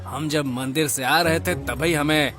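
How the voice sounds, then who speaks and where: A man's voice: fairly high pitch, fairly even intonation, unhurried, over music, lightly acted. A man voicing a stern, blunt father in an audio drama. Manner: blunt, stern rustic speech.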